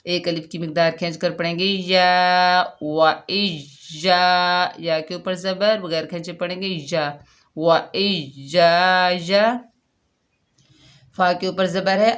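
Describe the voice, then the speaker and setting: A woman leads a Quran recitation lesson. She explains each rule patiently and repeats it. When she demonstrates, she draws the syllables out slowly and deliberately. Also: lowish voice. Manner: slow, drawn-out syllables when modelling recitation.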